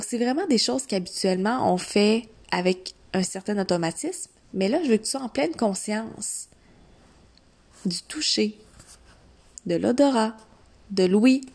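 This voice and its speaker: A mindset coach with a Quebec French accent gives one listener an instructional coaching talk. She is deliberate and directive, speaking phrase by phrase with repetition. Her mid-range voice is gravelly and darkish in tone.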